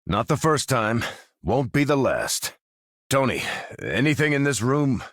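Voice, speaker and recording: An actor with an American accent playing a dutiful, resolute soldier who commands a superhero team in a video game, firm and plain-spoken. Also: male voice, medium pitch, very animated, measured pace, fairly bright tone, no echo, clean studio sound, heavily acted. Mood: grave, firm. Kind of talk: video game character voice lines.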